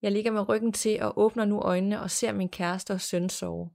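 A woman's voice: medium pitch, steady tone, vocal fry, darkish tone. Woman reading a ghost story aloud. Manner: measured, plain storytelling with occasional laughs. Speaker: podcast host.

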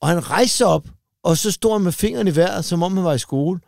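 A man's voice: sits high, creaky, a little mellow, dry recording, clean studio sound. Man telling stand-up stories. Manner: acts out quoted voices in storytelling. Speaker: comedian podcast co-host. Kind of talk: casual chat, anecdotes.

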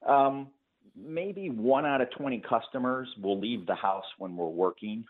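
A man's voice: medium pitch, a little slow. Man explaining his work over a tinny phone line. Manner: explanatory, laughs easily, many fillers. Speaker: painting contractor guest. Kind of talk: phone-in interview.

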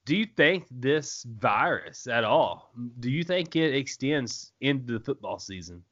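A man's voice: medium pitch, lively intonation, measured pace, a bit bright. A man hosting a casual sports talk show, putting questions to his co-talker in a conversational way. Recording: muffled, band-limited audio.

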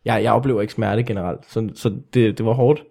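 A man's voice: on the low side, steady tone, vocal fry, warm tone. Young adult male guest, casual talk, stumbling restarts, protests in playful indignation. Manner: halting, restarts a lot, protests with mock outrage. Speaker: podcast guest. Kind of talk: casual chat.

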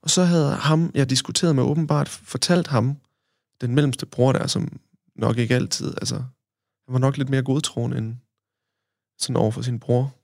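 A man's voice: mid-range voice, steady tone, gravelly, no room sound, clean studio sound. A man from Denmark, a podcast guest, telling a long story in casual chat, rambling with many fillers and tag questions.

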